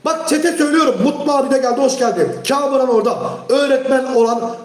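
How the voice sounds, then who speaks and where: A man hosting a live stream, ranting heatedly at his chat and often shouting. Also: very high voice, quick pace, reverberant. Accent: Turkish. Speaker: livestream host. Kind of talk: angry live-stream rant.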